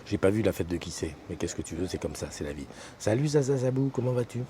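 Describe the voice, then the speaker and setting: A man's voice: on the low side, animated, fast talker, mellow, a little hiss or hum. A man hosting a casual live morning stream, reading out viewer comments and greeting people, hesitant with many fillers and restarts. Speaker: morning show host. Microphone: desk microphone.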